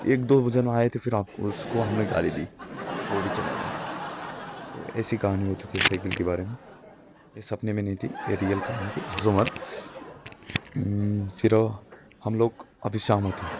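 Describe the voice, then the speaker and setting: A man's voice: low-pitched, gravelly. A teenage boy telling a rambling story as a first-time stand-up comedian, chuckling and correcting himself as he goes. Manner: rambling, self-correcting, chuckles through lines. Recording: noisy live room with audience.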